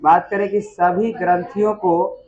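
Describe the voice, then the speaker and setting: A man's voice: high voice, level tone, measured pace, darkish tone, rough recording. A man teaching a biology class, quizzing students and repeating key terms in a call-and-response style.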